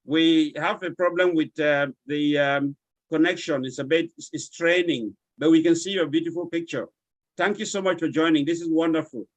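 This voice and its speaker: A man with a Nigerian accent moderating an online webinar over a video call, courteous and halting as he checks who has joined. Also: a little high, dry recording, lo-fi sound.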